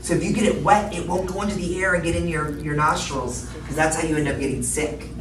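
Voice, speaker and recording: A woman's voice: sits low, steady tone, fast talker, a crowd in the background. A middle-aged woman health educator explaining things to children in simple words, prompting them with questions as she goes. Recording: echoey room, distant mic, noisy background.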